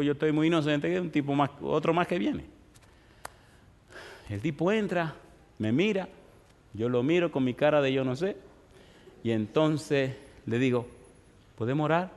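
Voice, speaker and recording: A man pastor preaching a sermon, telling stories in an animated way and asking the congregation rhetorical questions. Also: mid-range voice, normal speed, in a large hall. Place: church.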